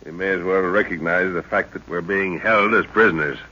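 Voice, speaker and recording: In a 1930s-40s radio serial, a man plays an older explorer professor and protective father, explaining and giving orders with assured authority. His deep voice is pushed and bright, fairly quick, with fairly even intonation. The old recording sounds muffled, with slight background noise.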